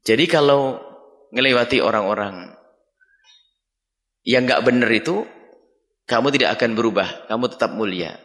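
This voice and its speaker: A man's voice: mid-range voice, normal speed, pauses often. Man giving a sermon, reads arabic then explains, scolds a bit, long echoey reverb. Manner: reads Arabic phrases then explains them, animated and admonishing. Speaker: preacher. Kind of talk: sermon teaching from a classical text. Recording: radio recording with long reverb.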